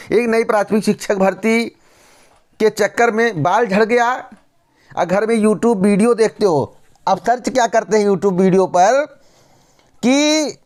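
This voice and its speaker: A man hosting a news channel, giving blunt, lecturing commentary straight to camera and repeating phrases for emphasis. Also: sits high.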